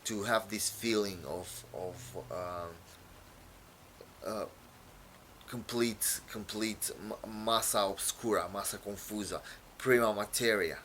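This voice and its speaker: A Romanian poet, a native Romanian speaker, explains his own poem haltingly, full of fillers and repeated words. His voice is fairly low and a bit bright, with a little hiss or hum on the recording.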